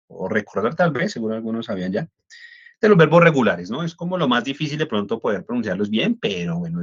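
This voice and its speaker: A man's voice: medium pitch, slightly rough. A man, an English instructor explaining pronunciation in a class, often checking in with "¿no?". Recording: dull lo-fi audio.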